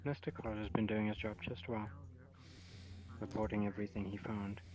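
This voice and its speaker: A man playing a stern, veiled-threatening superior in an online role-play game, measured and formal. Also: fairly low pitch, level tone, darkish tone, close to an everyday voice. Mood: coolly stern. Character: stern, veiled-threatening male superior inspecting his staff.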